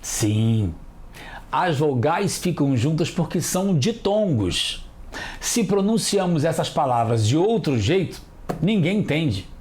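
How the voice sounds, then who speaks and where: Slow, lively teacher. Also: mid-range voice. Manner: slow, careful, spells out sounds. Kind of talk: children's TV lesson.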